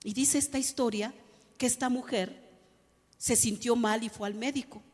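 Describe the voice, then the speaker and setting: A woman's voice: a little high, fairly even intonation, moderate pace, a little mellow, big-room sound. A woman pastor preaching a sermon, addressing the congregation and asking them rhetorical questions. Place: church hall.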